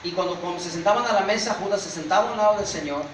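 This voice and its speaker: A male pastor preaching a dramatic sermon, swinging from loud calls to hushed asides. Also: high-pitched, rapid-fire. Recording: very echoey, from a distant mic, faint noise.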